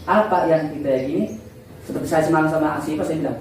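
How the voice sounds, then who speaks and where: A man's voice: a little high, quick pace, darkish tone. A man, a teacher, giving an informal presentation to colleagues in a conversational way, often acting out exchanges with students. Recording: echoey room, far from the mic, faint noise.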